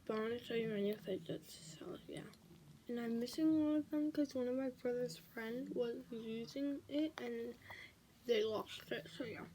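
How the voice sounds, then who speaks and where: Woman vlogger, casual show-and-tell, candy in mouth, higher voice, noisy background. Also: normal speed, warm tone. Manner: chatty, rambling, many "like" fillers. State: talking with candy in her mouth. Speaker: vlogger showing toys.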